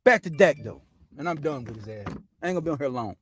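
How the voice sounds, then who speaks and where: Profane fast-ranting male sports host. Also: a little high, animated, husky. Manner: loose, profane, says "man" constantly. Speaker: sports talk show host. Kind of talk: casual sports rant.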